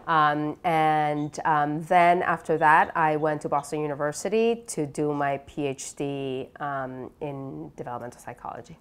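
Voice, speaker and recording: With fairly even intonation and a clean tone, a lower-pitched woman from Lima, Peru, sounds reflective as she explains answers in an interview about her developmental psychology research. She is halting and often ends with tag questions seeking agreement.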